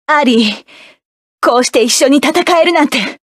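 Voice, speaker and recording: A voice actress performs battle lines for a proud, fierce mecha pilot in an anime-style game, barking sharp commanding orders and cool, haughty taunts at a measured pace with a tender mood. Her voice is very high and bright for a woman, and the recording is completely dry, without any room sound.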